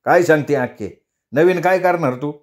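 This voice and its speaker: Casting note: a blustering taxi driver, voiced by a male storyteller, fairly high voice, quick to snap. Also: natural voice. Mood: chatty. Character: boastful, hot-tempered village taxi driver, grown man.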